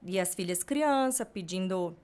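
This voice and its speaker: A woman's voice: on the low side, animated, a little slow, darkish tone. Brazilian woman host retelling a story. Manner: retells a friend's story, quoting her at length. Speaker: podcast host. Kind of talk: casual podcast conversation.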